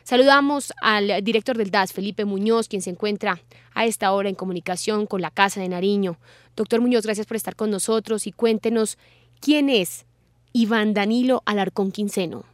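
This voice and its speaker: A woman, a news anchor asking crisp, formal questions in an interview. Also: medium pitch, normal speed, no room sound, studio quality.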